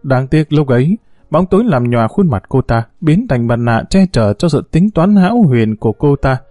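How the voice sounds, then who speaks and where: A man narrating a story in a steady, measured storytelling way. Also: medium pitch, no echo, studio quality. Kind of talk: audiobook story reading.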